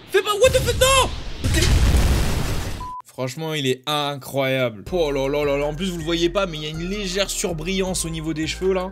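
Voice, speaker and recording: A young man with a notably high voice talks casually while unboxing, joking around and slipping into slang. He gets excitable and shouts out exclamations, and faint music plays behind him. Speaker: YouTuber.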